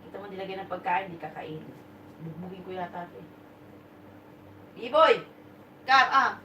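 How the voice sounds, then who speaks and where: A woman's voice: fairly low pitch, steady tone, fast, distant mic. Woman coaxing her dog, echoey. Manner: coaxing, switching between Tagalog and English. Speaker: live-stream host talking to her dog. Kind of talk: casual live-stream chat, coaxing a pet. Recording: echoey room, phone mic from afar, background noise.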